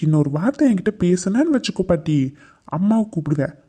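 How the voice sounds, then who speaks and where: A sulky young cartoon grandson, voiced by an actor, answering back with sarcasm. The voice is dark and mellow, at an ordinary pitch. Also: big pitch swings, quick pace, slightly rough. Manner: sullen, sarcastic. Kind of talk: cartoon comedy acting.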